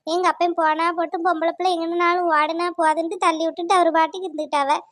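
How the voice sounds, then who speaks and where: A woman voicing a weary, sharp-tongued middle-aged village wife who keeps cows, speaking. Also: extremely high pitch, little pitch movement, fast, no echo, studio quality. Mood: grumbling. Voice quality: grumbling, scolding. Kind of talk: cartoon voice acting.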